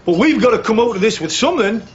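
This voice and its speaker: An actor playing a brash, scheming working-class builder who blusters and bluffs. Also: male voice, very high-pitched, animated, fast talker, lo-fi sound, a little hiss or hum. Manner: cocky, blustering.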